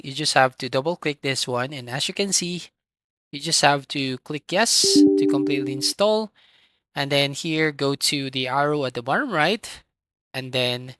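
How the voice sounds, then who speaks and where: A tutorial host walks through software instructions step by step in an instructional way. The voice is medium-pitched, recorded close to the mic, and dry.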